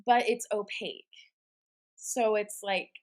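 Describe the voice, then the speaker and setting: A woman's voice: medium pitch, steady tone, slow pace, a little hiss or hum. A woman co-hosting a casual chat and reading scary stories aloud, with a giggly, conversational manner full of "like". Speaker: podcast co-host.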